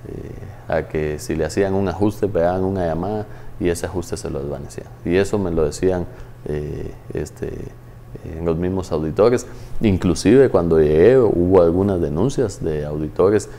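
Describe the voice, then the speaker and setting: A man in his thirties, a studio interview guest who explains in a measured way with many hesitant fillers. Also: low voice, dark tone, a little hiss or hum. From Guatemala. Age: 30s. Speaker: guest, former tax agency head.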